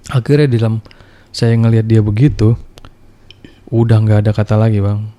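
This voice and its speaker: Seorang pria berlogat bercerita santai tentang pengalamannya, blak-blakan, kasar, dan penuh bahasa gaul. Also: male voice, fairly low pitch, fairly even intonation, moderate pace, warm tone. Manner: blunt, profane, slangy. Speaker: guest telling a personal story. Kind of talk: casual storytelling chat.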